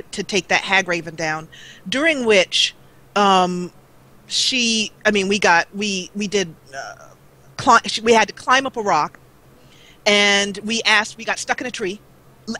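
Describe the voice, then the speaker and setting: Here a woman who makes gaming roleplay videos joins a gaming live stream as a guest, her mid-range voice pushed and bright. She's chatty, loose and playful, coming through a cheap microphone on a live call.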